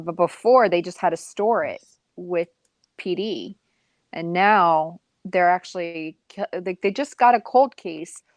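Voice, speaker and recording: A woman's voice: fairly low pitch, darkish tone, dry recording. A woman in a casual live stream chat, telling a story in a chatty way with many fillers.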